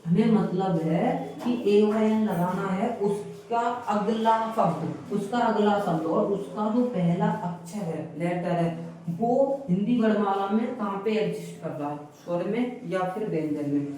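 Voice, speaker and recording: A man's voice: high voice, a little slow, warm tone. A male teacher giving a classroom grammar lesson, repeating key phrases and quizzing the class with questions. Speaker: English teacher. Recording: very echoey room, voice far from mic, faint hiss.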